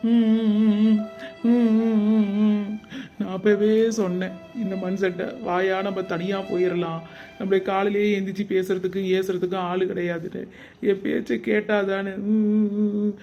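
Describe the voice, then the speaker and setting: A man's voice: high-pitched, little pitch movement, normal speed, gravelly, highs cut off, faint music behind. A man voicing a manipulative young wife in a cartoon, sulking, fake-crying and snapping back. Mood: whiny. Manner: whiny, sulky, pointed retorts. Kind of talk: cartoon comedy voice acting.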